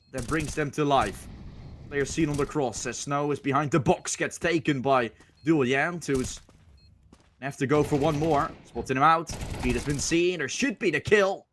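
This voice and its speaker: Casting: male esports caster, medium pitch, live match commentary in clipped phrases. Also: fairly bright tone, a little hiss or hum.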